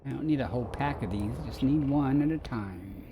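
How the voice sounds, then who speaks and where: A man's voice: mid-range voice, brisk, background noise. A man streaming a space game, chatting casually with viewers and musing aloud with dry sarcasm. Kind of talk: casual gameplay chat with viewers.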